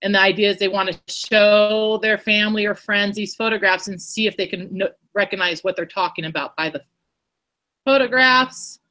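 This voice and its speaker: Chatty bright-voiced woman teacher. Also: medium pitch, normal speed. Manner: rambling, self-correcting, chatty. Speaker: teacher presenting her lesson. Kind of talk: casual explanation in an online workshop.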